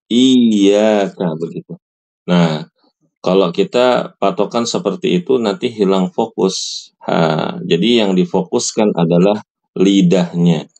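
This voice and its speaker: A man guides a small recitation class, patiently repeating each phrase himself. His voice sits very low and unhurried, with a mellow, soft tone. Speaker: Quran recitation teacher. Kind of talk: online recitation lesson.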